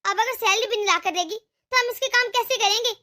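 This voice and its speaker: A woman voicing a shrill scheming mother-in-law. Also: a little fast, bright, forceful tone. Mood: grumbling. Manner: nagging, scolding. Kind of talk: cartoon voice acting.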